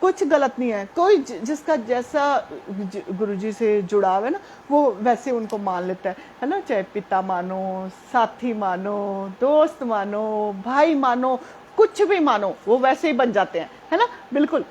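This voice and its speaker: A woman's voice: a little high, animated, unhurried, a little mellow, a little hiss or hum. A woman gives a devotional testimony, telling her story earnestly and speaking directly to her listeners. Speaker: devotee sharing a personal testimony.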